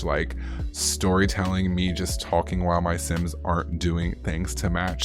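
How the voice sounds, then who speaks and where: A man, a gaming YouTuber, giving a chatty, upbeat walkthrough of game mods and rattling off lists of features. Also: low-pitched. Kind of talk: casual gameplay commentary.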